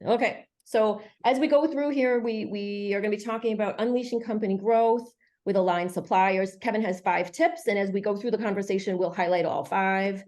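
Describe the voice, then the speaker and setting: A woman's voice: medium pitch, a little fast, a little mellow. A woman hosting an online webinar in a chatty, friendly way, with many fillers. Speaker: webinar host.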